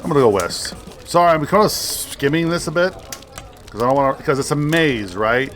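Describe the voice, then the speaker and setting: Casual man reading a gamebook, halting. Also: a little high, lively intonation, fairly bright tone, a little hiss or hum. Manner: halting reading with frequent restarts and stumbles; chatty and self-deprecating in asides. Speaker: let's play host.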